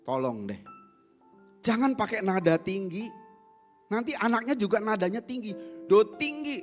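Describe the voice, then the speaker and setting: Animated high-voiced preacher. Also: male voice, normal speed, faint music behind. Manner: swings from loud high emphasis to low soft asides; acts out everyday family quarrels to make points. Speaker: pastor. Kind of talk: sermon. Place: church service.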